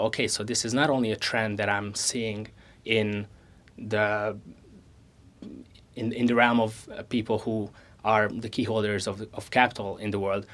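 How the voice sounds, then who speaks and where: A man in his twenties from Hungary, a company co-founder answering interview questions in an earnest, measured way with frequent restarts. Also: lowish voice, fairly bright tone. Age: 20s. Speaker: co-founder guest. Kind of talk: conversational interview.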